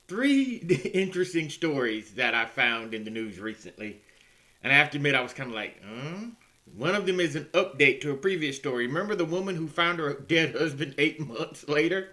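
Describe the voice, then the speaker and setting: Bright-voiced man musing over odd news. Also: on the high side, expressive, moderate pace. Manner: wry, musing, clears throat and laughs often. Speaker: news commentary host. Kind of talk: casual news commentary.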